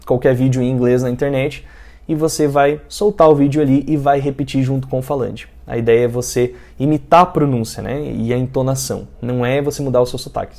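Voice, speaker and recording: A Brazilian male English teacher with a mellow, relaxed tone and a mid-range voice. He talks in an informal, explaining way and often checks in with the listener as he goes. He speaks Portuguese natively. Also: medium pitch. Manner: informal, repeats points with "tá?" and "né?". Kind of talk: explaining language learning tips to camera.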